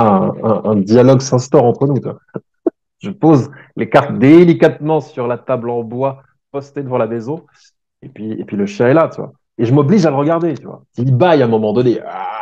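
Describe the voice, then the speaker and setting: A man's voice: mid-range voice, warm tone. A man telling a travel story casually, with many fillers and restarts, speaking straight to the viewer. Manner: chatty, many fillers and restarts, addresses listener as "tu vois". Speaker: travel vlogger. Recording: dull lo-fi sound.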